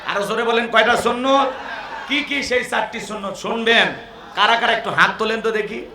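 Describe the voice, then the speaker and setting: A man preaching a comic sermon to a crowd, joking, asking the listeners questions and breaking into shouts and chanting. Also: very high voice, brisk, echoey room, background noise. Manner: jokey, quizzes the crowd, bursts into shouts and chanting.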